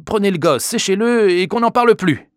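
A man reading a story aloud, voicing a proud, wary father who speaks gruffly and defensively. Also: high voice, expressive, moderate pace, no room sound, clean studio sound, voice pushed up.

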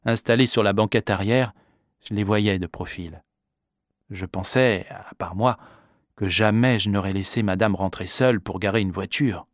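A man reading a first-person story aloud in a measured, vivid narrating voice. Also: fairly low pitch, dry recording, studio quality. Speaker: audiobook reader. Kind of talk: scripted narration.

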